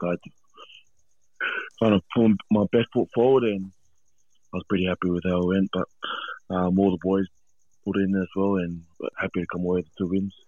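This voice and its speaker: An Australian man answering questions as a player in a casual phone interview, halting and modest in the way he talks. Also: deep voice, dry recording. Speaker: rugby league player. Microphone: phone call. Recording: muffled phone line.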